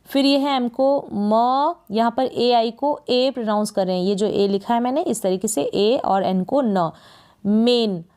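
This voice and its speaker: A woman's voice: fairly high pitch, measured pace, a little mellow, clean tone. A woman with a Hindi accent teaching English phonics, spelling each word letter by letter and repeating it. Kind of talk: slow phonics lesson.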